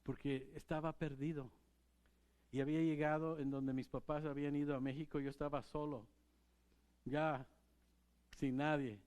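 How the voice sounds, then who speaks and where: A man's voice: a little high, level tone, normal speed, long pauses, darkish tone. Conversational male pastor. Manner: conversational, asks the congregation questions, chuckles. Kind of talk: sermon. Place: church.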